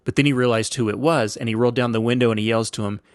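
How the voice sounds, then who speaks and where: A man's voice: mid-range voice, steady tone, racing, no room sound, clean studio sound. A man in his forties hosting a podcast, telling casual stories in a laid-back, slangy, rambling way. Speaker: podcast host. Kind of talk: casual storytelling monologue.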